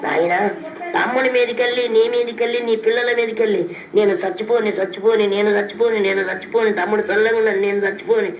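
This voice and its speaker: A woman's voice: medium pitch, fairly even intonation, fast talker. A woman spiritual teacher, giving fervent devotional blessings and repeating phrases over and over. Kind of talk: devotional blessing, repetitive chanting. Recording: echoey room with faint background noise.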